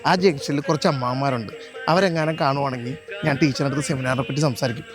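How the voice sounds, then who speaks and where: A man's voice: medium pitch, quick pace, music in the background, natural voice. An actor playing a stern, cautious male schoolteacher, lecturing in a matter-of-fact way.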